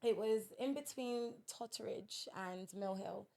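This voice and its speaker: Woman, podcast guest, somewhat high voice, direct and earnest storyteller. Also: unhurried, creaky, darkish tone. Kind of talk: casual podcast conversation.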